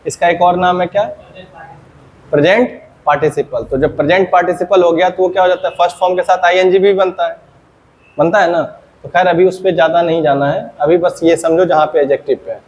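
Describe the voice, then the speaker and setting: A fairly high-pitched man teaching English grammar, talking his class through a lesson. He keeps posing questions and answering them himself, dropping lower on each answer. A faint hum of ambient noise sits behind him. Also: steady tone, fairly quick, darkish tone. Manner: often checks understanding.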